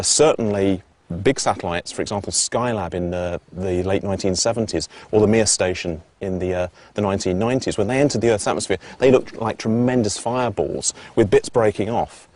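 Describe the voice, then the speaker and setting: Lowish-voiced astronomer man explaining. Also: a little mellow. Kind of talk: explaining in an interview.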